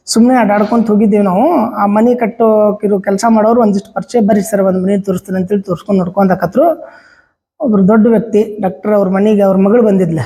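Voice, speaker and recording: A man's voice: sits high, warm tone, long reverb tail, low-quality recording. A man teaching a history class in a North Karnataka Kannada accent, chatty and full of rhetorical questions and anecdotes.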